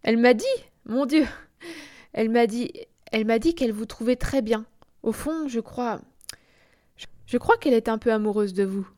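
A woman's voice: on the high side, moderate pace, long pauses, mellow, no room sound, clean studio sound, lightly acted. A woman reading aloud and voicing a mischievous male schoolboy who sounds eager and sly.

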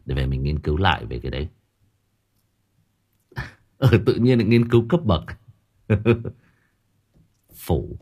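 A man's voice: extremely low pitch, sing-song, a little slow, long pauses, warm tone, breathy edge. Guy rambling to his listeners, lots of uhs and repeats, voice jumps all over. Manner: rambling, with frequent hesitations and repeated words. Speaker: audiobook reader chatting with listeners on a livestream. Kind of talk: casual livestream chat.

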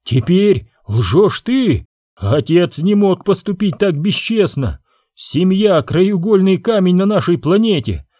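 A man voicing a proud, hot-tempered young prince who accuses and shouts in a raised voice. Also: high-pitched, big pitch swings, slow pace, no echo, studio quality, voice pushed up, exaggerated voice. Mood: furious.

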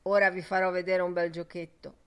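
A woman voicing a middle-aged, quick-tempered and sarcastic Irish father in an audiobook, with loud, mocking outbursts. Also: fairly low pitch, little pitch movement, smooth, lightly acted. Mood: sly.

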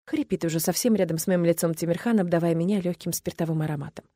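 A woman narrating a novel in the first person, lively and emotional, as if voicing her own inner thoughts. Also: on the low side, quick pace, no room sound, studio quality. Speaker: audiobook narrator.

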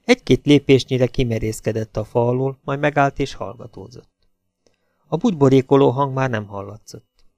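Reading a suspense novel in scripted audiobook narration, a man speaks at a steady, controlled pace. The close, echo-free recording is dry, and his mid-pitched voice has a gravelly fry to it.

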